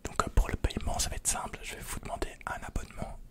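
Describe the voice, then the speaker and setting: Young man in whispered hairdresser role-play. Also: fast talker. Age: young adult. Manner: soft whispering, relaxed and playful. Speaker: ASMR creator playing a hairdresser. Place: small indoor room at home. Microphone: large mic close in front.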